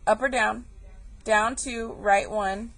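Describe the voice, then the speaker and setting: A woman's voice: a little high, steady tone, slow, fairly bright tone, rough recording. A young woman teaching a math class, chatty and joking, calling her students y'all. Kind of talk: recorded classroom lesson.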